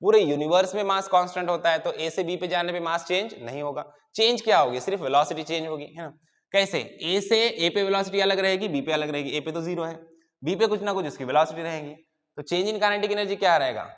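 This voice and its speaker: A man's voice: a little high, fairly quick, a bit bright, long reverb tail. A man lecturing on engineering mechanics, explaining each step and checking in with his students. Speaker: engineering teacher. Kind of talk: whiteboard lecture.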